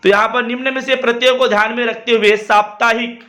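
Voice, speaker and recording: A man teaching an exam-prep lesson on correct spelling. He speaks, repeats words slowly and talks straight to his students. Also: very high voice, little pitch movement, sharp tone.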